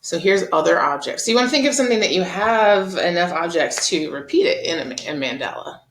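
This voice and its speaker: A woman teaching an art lesson over slides, explaining in a relaxed, chatty way with frequent ums and uhs. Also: lowish voice, a little fast, a little hiss or hum. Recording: roomy echo.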